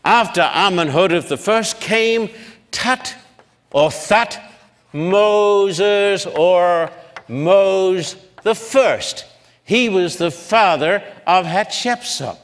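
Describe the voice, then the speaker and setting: A man with a fairly high voice gives a public Bible lecture at a blackboard, speaking slowly and with great deliberation. Long names come out syllable by syllable, and a lengthy reverb points to a large lecture hall.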